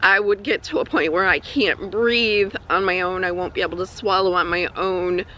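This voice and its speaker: A woman with a weak, strained voice and a troubled throat, giving a halting, casual personal update to camera while outdoors. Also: fairly low pitch, steady tone, pushed and bright, dull audio, slight background noise. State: throat spasms with coughing and throat clearing. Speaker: vlogger. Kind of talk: personal health update vlog, casual talk. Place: outdoors on a hike.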